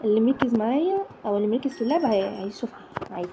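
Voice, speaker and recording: A woman's voice: on the high side, expressive, rapid-fire. A young Egyptian woman with an Egyptian Arabic accent, giving jittery, exasperated commentary on a horror game as she talks to her viewers. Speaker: gaming YouTuber. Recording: loud background noise and clicks.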